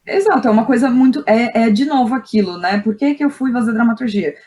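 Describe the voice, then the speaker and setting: Her warm voice sits on the high side and moves fast as this Brazilian podcast guest, a playwright and director, relates personal stories. The talk is casual and candid, heavy on slang and tag questions.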